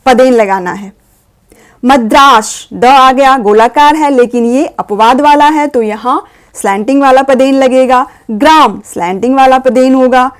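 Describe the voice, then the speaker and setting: A woman patiently explaining a grammar lesson to parents, slowly sounding out letters. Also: high voice. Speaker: teacher guiding parents.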